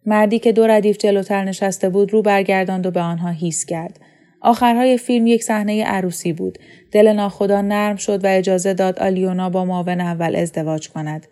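Woman narrator, calm measured novel reading, mellow warm tone. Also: mid-range voice. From Iran. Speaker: audiobook reader.

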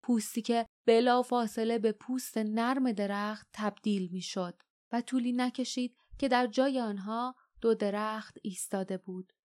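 A woman narrating a fantasy audiobook in a steady, measured reading voice. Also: fairly high pitch. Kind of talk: scripted storybook narration.

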